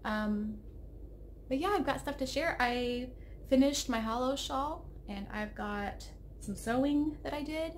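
Her voice is high and unhurried as she hosts her knitting podcast from a home craft room, a woman in her thirties chatting casually with plenty of rambling and self-interruption. Her throat sounds a little froggy, and the desk webcam picks up a little hiss or hum.

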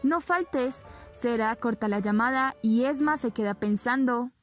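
A woman narrating a soap opera recap in a steady storytelling way. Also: a little high, normal speed. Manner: steady storytelling, repeating "le dice". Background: soft background music.

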